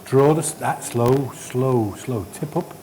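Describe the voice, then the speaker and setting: In a hospital endoscopy training room, a middle-aged male trainer coaches a trainee hands-on with short, blunt instructions and dismissive asides. His mid-range voice is slow and warm, and the low-quality recording carries a little hiss or hum.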